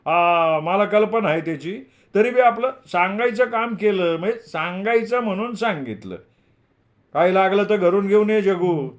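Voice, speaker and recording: A man reading a novel aloud, voicing an older male landlord with a raised, loud, chatty rustic manner. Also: high-pitched, moderate pace, voice pushed up, natural voice. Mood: fussy, genial. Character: older male village landlord, fussy, talkative.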